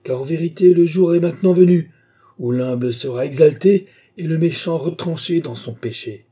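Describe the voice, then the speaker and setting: Brief: fanatical male workman, menacing preacher of doom, dark husky tone, as a male reader puts him on. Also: fairly high pitch, moderate pace, voice pushed up. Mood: fervent. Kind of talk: audiobook reading.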